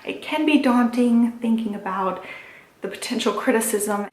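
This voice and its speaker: A woman's voice: fairly high pitch, moderate pace, echoey room, rough recording. A woman chatting casually and encouragingly as a crafting channel host, keeping her voice down as if not to wake someone. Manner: quiet, held-back talking to avoid waking her baby; encouraging, reassuring. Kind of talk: casual chatty vlog talk.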